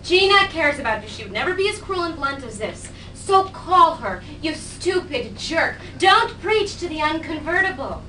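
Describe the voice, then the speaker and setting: Stage play: actress as a blunt, tipsy, mocking friend; high, animated and bright, recorded distant in a roomy house. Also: female voice, normal speed, few pauses, exaggerated voice. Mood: scolding. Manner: sharp, scolding and sarcastic. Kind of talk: live stage acting. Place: small theatre stage. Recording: distant echoey stage recording, faint noise.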